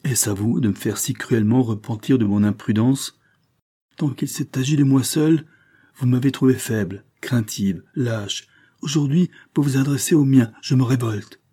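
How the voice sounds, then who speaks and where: A man's voice: lowish voice, normal speed, hardly any pauses, warm tone, slightly rough. A man reading the lines of an indignant, desperate woman of means in an impassioned, pleading way.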